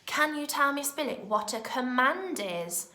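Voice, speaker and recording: A woman teaching young children in a recorded lesson, with a British accent and a clear, expressive way of talking. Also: high voice, roomy sound. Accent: British English. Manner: slow, clear and expressive, speaking to small children. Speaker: primary school teacher.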